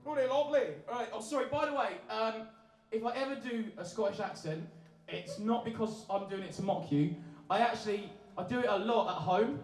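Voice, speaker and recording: A man's voice: high-pitched, fairly quick. An English man performing live in a music venue, singing and chatting with the crowd in rambling, self-deprecating banter. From England. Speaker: singer-songwriter and comedic performer. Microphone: vocal mic, filmed from the audience. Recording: echoey live venue with guitar. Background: guitar and music.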